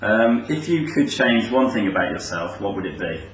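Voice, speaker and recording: A man's voice: lowish voice, animated, moderate pace. A man hosting a webcast who reads out fan questions hesitantly, with many ums and uhs. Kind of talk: interview. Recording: echoey room from far off.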